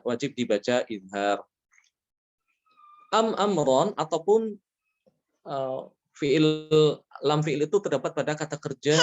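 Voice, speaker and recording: A man's voice: mid-range voice, highs cut off. Male tajweed teacher, patient and repetitive. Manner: patient, repeats examples slowly, frequent "ya" checks; chants Arabic examples slowly and louder. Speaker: Quran recitation teacher. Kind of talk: religious lesson on tajweed rules.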